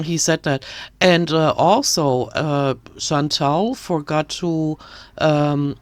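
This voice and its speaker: A woman's voice: sits low, no echo. A woman giving critical commentary on another creator, talking in an indignant, ranting way. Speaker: commentary youtuber.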